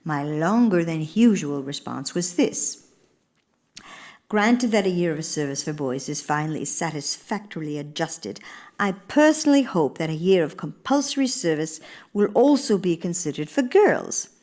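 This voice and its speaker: An actress plays a gracious, earnest elder First Lady in radio theater, delivering monologue and dialogue formally and with theatrical emphasis. Her voice is on the low side, sing-song and a little mellow, at a normal pace.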